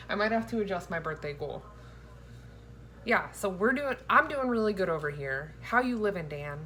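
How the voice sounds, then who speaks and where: A vlogger in her thirties tells stories and chats to the camera in her home kitchen, casual, playful, and giggly. Her mid-range voice is expressive and fairly bright, at a normal speed. The phone recording, made at arm's length, has faint background noise.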